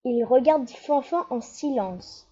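A woman narrating a children's storybook with a gentle, expressive reading. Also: high voice, a little slow, a little hiss or hum. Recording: slightly dull lo-fi.

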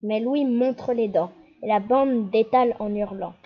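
A woman narrating a children's storybook with a gentle, expressive reading. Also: a little high, measured pace, heavy background noise. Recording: slightly dull lo-fi.

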